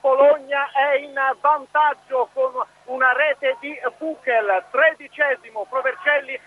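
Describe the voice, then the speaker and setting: Breathless goal commentator on tinny radio line. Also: male voice, very high voice, steady tone, a little slow. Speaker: football match commentator. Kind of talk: live radio football commentary.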